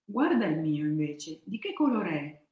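A woman's voice: sits low, sing-song, a little slow, narrow, tinny audio. A woman voicing a bold, cheeky little girl with a spirited, defiant way of talking. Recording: echoey room.

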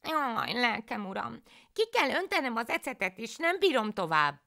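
A woman's voice: on the high side, sing-song, vocal fry, bright, forceful tone, voice pushed up, exaggerated voice. A woman voicing a foolish, cheerful young peasant wife in a folk tale, with naive, pleading speech.

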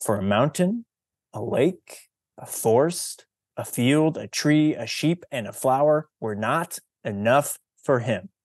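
A man reading a picture book aloud during a presentation in a deliberate, teacherly storytelling manner. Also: mid-range voice, lively intonation, husky, no room sound, studio quality.

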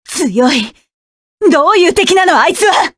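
In a clean studio recording with no echo, a voice actress speaks at a very high pitch and a measured pace for a game voice clip collection. She plays a proud, fierce young mech pilot who barks curt, commanding, scornful lines, and her expressive delivery sounds tense and wary.

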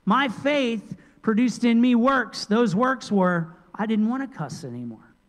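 Middle-aged male pastor, high voice, lively sermon delivery, handheld mic, long church echo. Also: a little slow. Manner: lively preaching, jumps between loud emphasis and quiet asides. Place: large church sanctuary. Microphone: handheld microphone.

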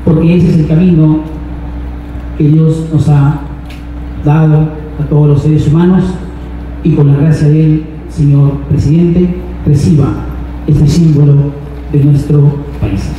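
A man speaking as a university rector, giving a slow, solemn ceremonial address at an outdoor ceremony. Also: on the high side, steady tone, dark tone, far from the mic, a little hiss or hum. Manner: slow, solemn, measured phrasing. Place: large outdoor ceremony at night. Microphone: handheld microphone. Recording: roomy hall-like reverb from afar.

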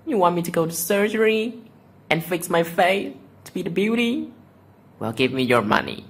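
A young man, teenager or young adult, vlogs on his phone in a small room at home, sarcastically reading out comments and answering them with mock offense. His high voice is sing-song, fairly bright and breathy, at a moderate pace.

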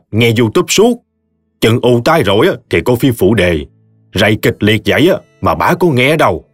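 Dude doing a grumpy old delta village elder, low growly scolding, dry, faint music. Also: male voice, no room sound. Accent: Mekong Delta Vietnamese. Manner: grumbling, scolding. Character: gruff old village elder man, bossy and proud. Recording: dry close studio voice, soft music behind.

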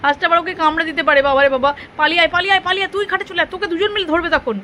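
Bright high-voiced mother teasing her child. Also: fairly even intonation, very fast, a little hiss or hum. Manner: playful, teasing and exclaiming, scolding fondly. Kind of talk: casual home video chat with a child. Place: at home, indoors.

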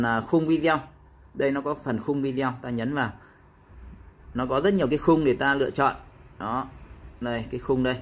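In a casual tutorial, a man walks through a phone app one step at a time, pausing often and using lots of fillers. His voice is mid-range with a fairly bright tone.

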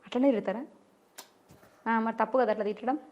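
A woman interviewer asking a child quick, coaxing questions in a casual interview. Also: fairly high pitch, steady tone, dull audio.

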